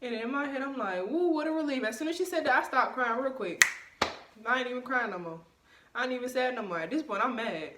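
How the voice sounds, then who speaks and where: A woman's voice: fairly high pitch, lively intonation, a little fast, very noisy. A young woman vlogger in casual storytime chat, retelling events with emphatic, indignant energy, in her bedroom at night. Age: young adult. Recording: roomy, mic at a distance.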